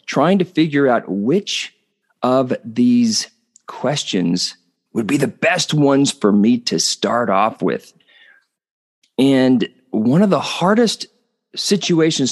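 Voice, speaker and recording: Male podcast host, mid-range voice, earnest solo monologue, prone to restarts. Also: mid-range voice. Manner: earnest, explanatory, with frequent restarts and repeated words.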